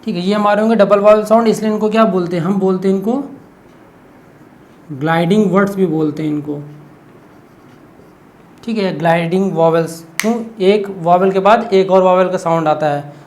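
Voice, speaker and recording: A man with a high-pitched, darkish voice teaches an exam-prep lesson at normal speed, pausing often. He explains things step by step, keeps asking "what is it?" and answering himself, and says "okay" frequently.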